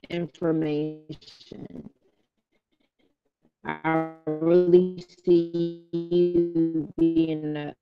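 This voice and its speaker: Low, slow woman on a breaking-up call. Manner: slow, earnest, searching for words. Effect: call breaking up and dropping out. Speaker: caller in a live video hangout. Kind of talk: casual encouragement with church talk. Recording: muffled, dropping phone connection.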